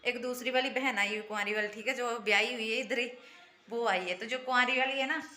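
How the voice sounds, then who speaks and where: A woman's voice: on the high side, steady tone, a little fast, sharp tone, poor audio. A woman, chatting casually to her viewers as she films her garden and home. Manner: chatty, keeps saying "look" and "guys" to viewers. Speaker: family vlogger. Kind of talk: casual home vlog tour. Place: home garden on a foggy day, then indoors.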